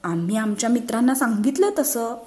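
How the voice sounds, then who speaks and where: A woman voicing a proud, touchy little boy who talks in a high, pleading, excited way. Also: brisk, lightly acted. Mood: insistent.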